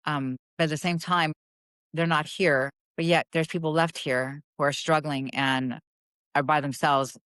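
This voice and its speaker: A middle-aged woman, a retired police officer from Southern California, telling personal stories as a guest in a conversational interview, animated and acting out voices. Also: low voice, measured pace, clear, resonant tone, no echo. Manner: animated storytelling, acts out voices.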